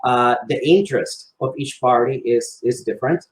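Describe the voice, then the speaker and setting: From Venezuela and Spain, with Spanish as his first language, this real estate salesman appears as an interview guest and answers conversationally. His mid-range voice runs at normal speed, and the roomy space makes the sound echo.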